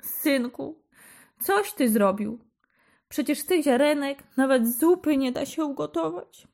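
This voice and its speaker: A woman's voice: medium pitch, measured pace, warm tone, lightly acted. A woman doing a worried poor widow mother. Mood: dismayed. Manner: sighing, reproachful.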